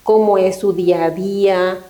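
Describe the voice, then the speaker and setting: A middle-aged woman speaks as a guest in a conversational interview. Her tone is soft and mellow, sitting at an ordinary middle pitch. She talks in a reflective, unhurried way and often pauses to check in with a quick tag question. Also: fairly even intonation, low-quality recording. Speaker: thanatologist guest.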